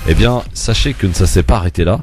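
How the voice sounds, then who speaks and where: A man hosting a casual radio talk show, asking guests lively, teasing questions with many fillers. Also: low voice, a little fast, faint music behind.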